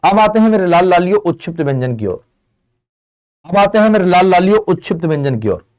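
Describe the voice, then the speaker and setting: A young man teaching an online Hindi exam-prep lesson in a chatty way, calling his students friend and brother, acting out their replies, and slowing down to drag out key definitions. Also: sits high, very animated, a little mellow. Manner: slows down and drags out key definitions.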